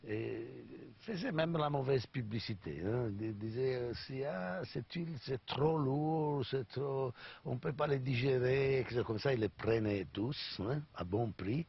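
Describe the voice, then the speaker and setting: A man's voice: medium pitch, unhurried, gravelly. An older man from Sicily speaking French with an Italian accent, earnestly searching for words as he explains his olive oil. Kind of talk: interview conversation. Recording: dull lo-fi TV recording.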